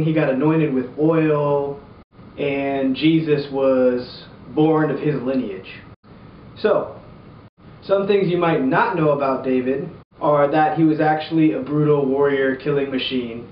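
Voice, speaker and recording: A man with an upbeat, slangy, jokey youth pastor manner, casually telling Bible stories for laughs. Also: on the high side. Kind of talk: casual comedic Bible storytelling to camera. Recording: roomy, distant, muffled, faint background noise.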